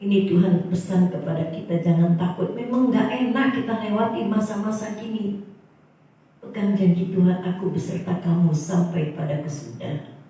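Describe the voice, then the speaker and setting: A woman's voice: medium pitch, normal speed, warm tone. A woman preaching a sermon to her congregation, speaking emphatically and often exclaiming. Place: church hall. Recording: echoey hall, far from mic.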